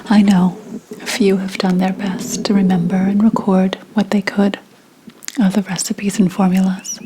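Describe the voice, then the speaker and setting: A woman's whisper, on the low side, tells the tale of a reincarnated seventeenth-century witch in an ASMR roleplay, hushed, deliberate, and mournful. The recording is rough, with a little hiss or hum.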